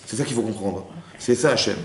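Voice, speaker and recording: With a fairly low pitch and a slightly quick pace, a male rabbi teaches Torah to a class of women in a lecture room. He weaves Hebrew terms into his talk and keeps checking that listeners follow, and the roomy recording carries faint background noise.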